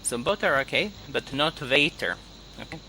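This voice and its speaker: A man's voice: lowish voice, measured pace, a bit bright, a little hiss or hum, poor audio. A man teaching an online English speaking lesson, patiently correcting and repeating words for his student. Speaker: English tutor. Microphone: video call.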